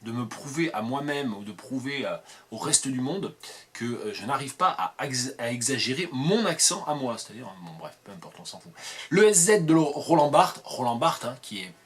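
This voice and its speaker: A man's voice: medium pitch, animated, normal speed, a bit bright. A man from the Landes in southwest France, with a Landes accent, talking improvised to camera as an academic video blogger, digressive, self-mocking and thinking aloud. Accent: Landes (southwest French).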